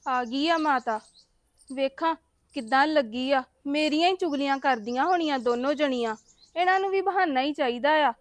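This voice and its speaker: Actress as a resentful young daughter-in-law, very high and dry-sounding, talks back defensively. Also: female voice, normal speed, dry recording, lightly acted. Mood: muttering. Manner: complaining, defensive back-talk. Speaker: daughter-in-law in a family drama. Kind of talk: web series family drama acting.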